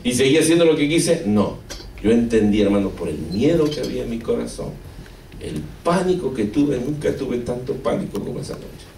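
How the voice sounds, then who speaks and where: A man's voice: medium pitch, expressive, a little fast, gravelly, mellow, slight background noise. A man from Argentina with an Argentine accent, telling an emotional testimony in a sermon and often calling his listeners brother. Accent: Argentine Spanish. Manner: asks rhetorical questions of the audience. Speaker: preacher giving a testimony. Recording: echoey room, mic far off.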